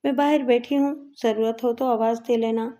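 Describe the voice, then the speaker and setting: A woman's voice: on the high side, fairly even intonation, warm tone, natural voice. A woman reading the lines of a bossy but caring woman inmate who gives firm advice. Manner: firm, commanding.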